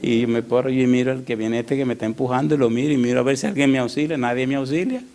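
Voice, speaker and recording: A man's voice: mid-range voice, fairly even intonation, fast talker, a little mellow. Man, pastor, sermon, conversational storytelling, questions the congregation.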